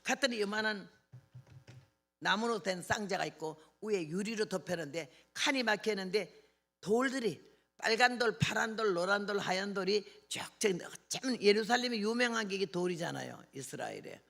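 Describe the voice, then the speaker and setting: A woman's voice: mid-range voice, animated, moderate pace, vocal fry, a bit bright. An older woman preaching at a revival meeting, telling folksy anecdotes and acting out dialogue. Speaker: missionary preacher.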